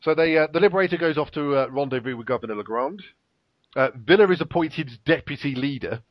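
A man chatting through a story recap in a relaxed, rambling way, with fillers and small laughs along the way. His voice sits at an ordinary pitch. The recording is dry and a little dull, like a home podcast mic. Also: fast talker, dry recording. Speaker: podcast co-host recapping an episode. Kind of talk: casual chat, episode recap.

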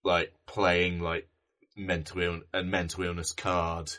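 Rambling male co-host, low-pitched and bright. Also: level tone, takes it slowly. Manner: rambling, many ums and restarts. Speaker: podcast co-host. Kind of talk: casual film chat.

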